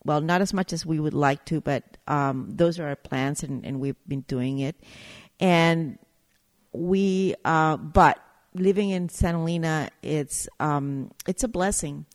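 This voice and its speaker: A woman's voice: deep voice, measured pace. A woman from Chile, a winery owner chatting as an interview guest, telling stories and searching for words as she goes. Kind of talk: casual interview chat.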